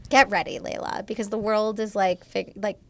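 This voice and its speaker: A woman co-hosts a casual podcast in a gravelly, creaky voice. She rambles through her thoughts, packing them with fillers. Her pitch sits in a middle range. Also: fairly even intonation, normal speed, a little hiss or hum. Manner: rambling, filler-heavy talk. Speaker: podcast co-host.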